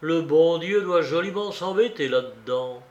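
A man's voice: fairly high pitch, expressive, measured pace, lo-fi sound, voice pushed up. A man voicing a flustered young priest who stammers and mutters sulky, sardonic asides in a storybook reading. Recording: roomy, echoey recording.

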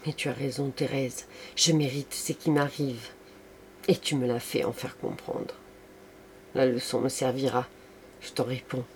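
A man's voice: medium pitch, level tone, measured pace, slight background noise, close to an everyday voice. A man voicing a remorseful, passionate young artist who pleads for forgiveness, raised and impassioned. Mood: pleading. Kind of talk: audiobook reading.

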